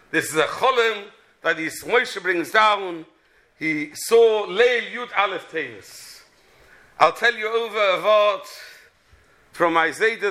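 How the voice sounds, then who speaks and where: A man's voice: sits high, sharp tone. A man with a Yiddish-inflected British accent gives an impassioned religious sermon as a rabbi, mixing English and Yiddish and repeating phrases for emphasis. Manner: switches between English and Yiddish.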